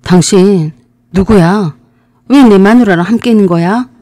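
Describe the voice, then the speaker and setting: A woman voicing a betrayed husband who loudly confronts his wife and her lover. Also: on the low side, animated, normal speed, dry recording, studio quality. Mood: angry. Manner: loud, confrontational. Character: furious betrayed husband, installation worker.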